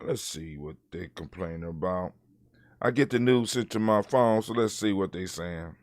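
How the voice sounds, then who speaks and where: A man's voice: low-pitched, normal speed, no echo, clean studio sound. A man hosting a casual talk show, reacting to news with profane rants and reading articles aloud. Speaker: podcast host.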